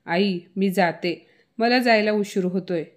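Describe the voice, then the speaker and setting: A woman's voice: mid-range voice, measured pace, close to an everyday voice. A woman voicing a greedy young sister-in-law in a storybook tale. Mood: impatient.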